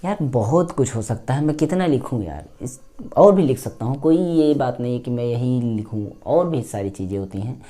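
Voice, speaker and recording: A man's voice: mid-range voice, lively intonation, normal speed, mellow. A man teaching English pronunciation in a chatty lesson, repeating words as drills. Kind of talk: casual classroom lesson.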